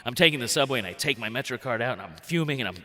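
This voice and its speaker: Bright-voiced man in his forties telling a comic story. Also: medium pitch, very fast. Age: 40s. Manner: animated, jumps into big voices for quotes. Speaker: workshop storyteller. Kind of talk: live comic personal storytelling. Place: stage in a theatre hall. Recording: long hall reverb.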